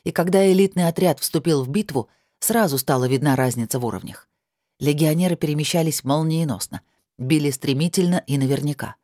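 A woman reading a first-person fantasy novel aloud in an even, measured storytelling manner. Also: low voice, no room sound, studio quality. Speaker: audiobook narrator.

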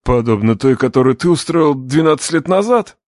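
Brief: man reading a slow, menacing father figure, calm and commanding, dry audiobook sound. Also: medium pitch, no room sound, lightly acted. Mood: commanding threat. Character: calm, menacing middle-aged father interrogating.

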